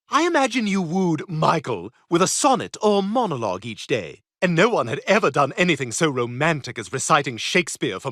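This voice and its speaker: A man's voice: fairly high pitch, fairly bright tone, no room sound, clean studio sound. An actor voicing a snobbish, catty British baby boy in a cartoon, talking in a posh, cutting, theatrical way. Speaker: patient. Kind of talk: cartoon voice acting.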